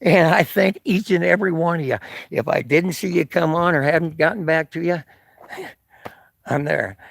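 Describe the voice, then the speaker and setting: A man's voice: on the high side, moderate pace, creaky, no room sound. A man livestreaming outdoors from a street corner with a handheld camera, ranting angrily and profanely between sarcastic chuckles while reading chat comments. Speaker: livestreamer filming local police. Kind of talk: live-streamed rant reading chat comments.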